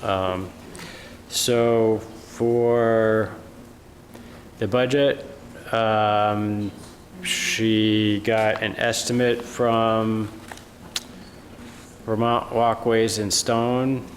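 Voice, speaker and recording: A man with a fairly low voice gives an informal report at a meeting. The room adds long reverberation, with faint noise underneath. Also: flat delivery, drawn-out words, long pauses.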